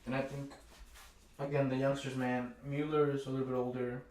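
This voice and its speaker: A man co-hosting a casual podcast chat, easygoing and halting, repeating himself as he works out his point. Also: mid-range voice, level tone, darkish tone, very echoey, distant mic, slight background noise, poor audio. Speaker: podcast co-host.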